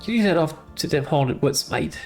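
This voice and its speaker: A woman's voice: low voice, expressive, fairly quick, a little mellow, soft background music. A woman voicing a cheery male ghost gardener who has lost his head, talking in rustic working-class slang.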